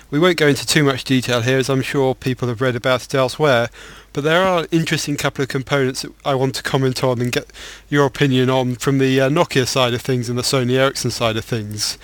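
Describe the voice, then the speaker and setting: A man hosting a tech podcast, introducing guests and steering the talk in a measured way. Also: mid-range voice, fairly bright tone, no echo. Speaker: podcast host. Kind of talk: casual chat.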